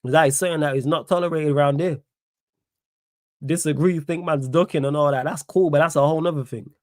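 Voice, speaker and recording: A young man with a strong Manchester accent reacts to his live stream chat, reading messages aloud and replying indignantly and insistently, circling back to the same phrases. His voice sits a little high for a man, with a steady tone and quick pace. The sound is dry and close, with no echo or room around it.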